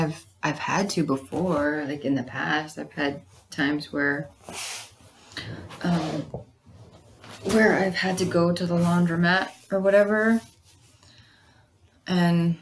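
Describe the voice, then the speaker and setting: A woman chatting casually to viewers in a halting way, her hoarse voice giving out and breaking into whispers. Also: low voice. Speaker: vlogger.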